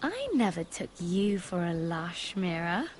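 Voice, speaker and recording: Slow-talking, coaxing court lady. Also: fairly low pitch, sing-song. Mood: playful. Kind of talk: video game voice acting.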